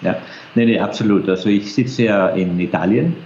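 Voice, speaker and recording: Austrian man, interview guest on a remote call; low, hesitant, faint noise, echoey lo-fi sound. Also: moderate pace, darkish tone. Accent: Austrian German. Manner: hesitant, many "äh" fillers. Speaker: interview guest, space agency official. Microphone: video call. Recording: roomy, dull video call audio with faint noise.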